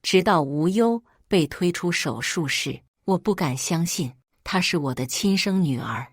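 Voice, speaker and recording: Low-voiced woman reading a story. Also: animated, measured pace, no room sound, studio quality. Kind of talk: first-person story reading.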